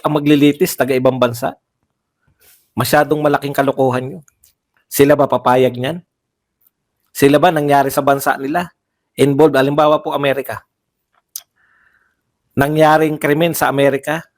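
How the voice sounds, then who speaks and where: A man giving heated livestream political commentary, firing off rhetorical questions and repeating phrases for emphasis. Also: mid-range voice.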